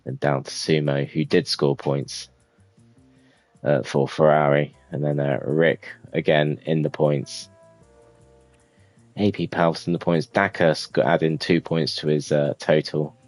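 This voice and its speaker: A man casually commentating his own racing management game, relaxed and rambling with many fillers. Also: very deep voice, measured pace, no echo, faint music behind. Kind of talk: casual let's-play commentary.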